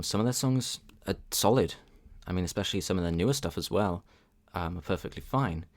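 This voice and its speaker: A man reviewing a song in a casual reaction video, thinking aloud with frequent ums and restarts and giving candid, measured opinions. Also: deep voice, creaky. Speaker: music reaction channel host. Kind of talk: casual spoken music review.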